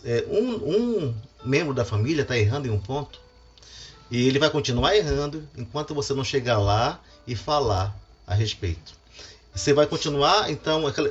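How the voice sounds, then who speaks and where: A middle-aged Brazilian pastor, a man, giving a devotional talk on family and acting out quoted lines. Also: mid-range voice. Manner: animated, acts out quoted lines. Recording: dull lo-fi with faint music.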